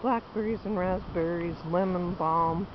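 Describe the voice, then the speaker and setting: A woman's voice: on the low side, measured pace. A woman in her thirties walks through her backyard garden, chatting casually as she points out plants to a handheld camera. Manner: chatty, pointing things out while walking. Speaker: home gardener. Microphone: handheld camera at arm's length. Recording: dull lo-fi outdoor camera audio, clear background noise.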